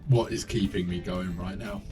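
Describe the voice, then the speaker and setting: A man's voice: sits low, steady tone, moderate pace, mellow, faint music behind. A man co-hosting a casual live stream, grumbling, swearing and laughing easily during a party game. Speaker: podcast co-host. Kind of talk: casual chat while playing a party game.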